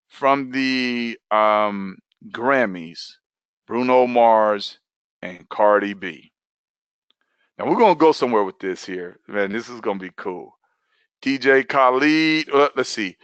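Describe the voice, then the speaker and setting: Animated man repeating himself for emphasis. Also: medium pitch, slow pace, smooth, dry recording, highs cut off. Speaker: online video coach. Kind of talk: live online training session.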